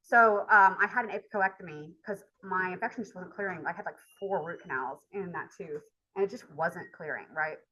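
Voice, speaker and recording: A woman college instructor chats through a rambling personal story in a casual lecture, leaning heavily on filler words. Her voice is on the low side and sharp, a little fast, and the audio is poor.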